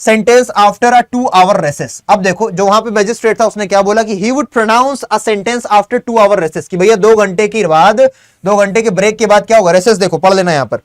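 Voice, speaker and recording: A male teacher giving an exam-prep lecture who reads English text slowly and then explains it in a lively, chatty way, addressing his students directly. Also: high-pitched, no echo.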